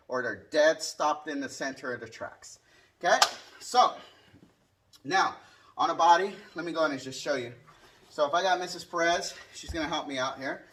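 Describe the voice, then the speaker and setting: A martial arts instructor casually explains a hands-on demonstration, punctuating it with short counts and strike sounds. His fairly high, slightly bright voice moves a little fast, and the distant-mic recording carries a bit of hiss or hum.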